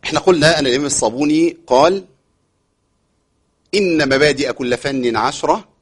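A man with an Egyptian accent teaching Quran recitation on air. He recites verses slowly, then explains them quickly, and repeats sounds to show how they are said. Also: on the high side, breathy edge. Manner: repeats sounds to demonstrate pronunciation. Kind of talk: broadcast recitation lesson with callers.

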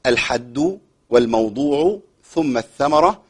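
A man with an Egyptian accent teaching Quran recitation on air. He recites verses slowly, then explains them quickly, and repeats sounds to show how they are said. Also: fairly high pitch, big pitch swings, vocal fry, slightly rough. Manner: repeats sounds to demonstrate pronunciation. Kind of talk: broadcast recitation lesson with callers.

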